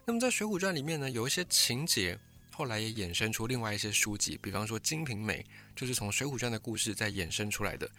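A man's voice: lowish voice, expressive, quick pace, bright, forceful tone, a little hiss or hum. A man, hosting a history channel and explaining the story behind a classic novel. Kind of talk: scripted history talk.

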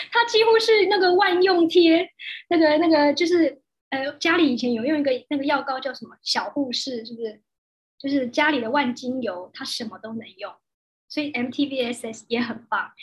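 High-voiced Taiwanese woman telling stories. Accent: Taiwanese Mandarin. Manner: animated, laughs often, acts out quotes. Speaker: course instructor. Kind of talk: casual teaching talk with storytelling.

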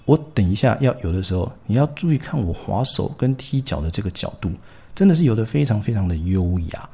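A man voicing a boastful middle-aged lifeguard auntie who praises herself with drawn-out particles. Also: fairly low pitch, animated, gravelly, warm tone, husky, full character voice. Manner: showy, self-praising, drawn-out sentence-final particles.

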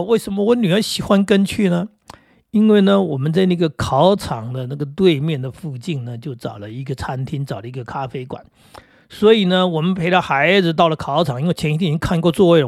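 A man's voice: a little high, creaky, darkish tone, husky, no room sound, studio quality. A middle-aged man and father, telling stories about his own experiences in a chatty, casual way. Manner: chatty, with many fillers and asides. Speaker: podcast host and father. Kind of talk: casual storytelling.

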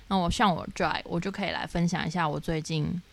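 Fast-talking young woman telling dreams. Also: on the low side, gravelly. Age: young adult. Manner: animated storytelling with many fillers. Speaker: podcast co-host. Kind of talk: casual chat.

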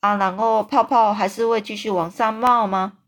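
A woman voicing a big friendly male giant who exclaims and stretches his words out slowly. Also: medium pitch, steady tone, close to an everyday voice. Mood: excited. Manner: exclaiming, drawn-out slow emphatic phrasing.

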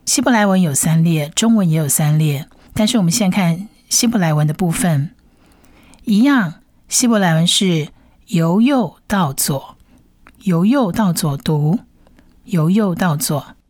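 In studio quality without room sound, a woman with a lowish, darkish voice and lively intonation speaks a little slowly. She teaches Bible Hebrew reading step by step, patiently spelling letters and saying each sound several times over.

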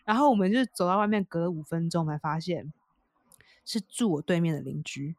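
A woman telling a funny story in a casual chat, laughing often and acting out quotes in higher voices. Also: a little fast, darkish tone, no echo, clean studio sound. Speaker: podcast co-host.

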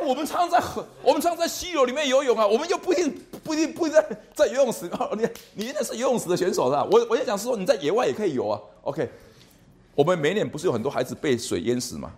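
A man lecturing to a university class in a lively, animated way, often repeating words and asking the class questions. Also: on the high side. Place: lecture hall.

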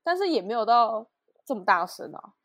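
A woman's voice: on the high side, big pitch swings, brisk, fairly bright tone, dry recording, studio quality. A woman co-hosting a casual podcast chat, asking curious follow-up questions and laughing easily. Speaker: podcast co-host.

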